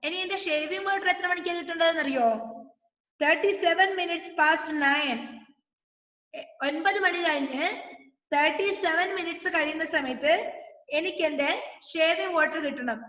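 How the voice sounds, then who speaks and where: A woman teaching an English class online, reading lines out slowly and explaining them in quick, questioning asides. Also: extremely high pitch, a bit bright. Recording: dull, echoey room with long reverb.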